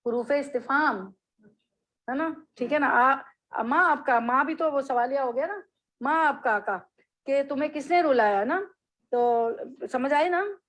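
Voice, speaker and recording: Woman, fairly high voice, slow careful reading, patient teacher tone, repeats words for students. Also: fairly bright tone. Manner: explains Arabic grammar patiently, repeats and drills students. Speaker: Islamic studies teacher. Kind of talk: classroom hadith lesson, reading Arabic then explaining.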